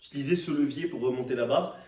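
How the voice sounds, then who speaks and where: A man's voice: mid-range voice, fast talker, a little mellow. A young man venting casually to camera in slang, exasperated and ranting, with swearing. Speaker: fitness vlogger. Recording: roomy echo, distant microphone.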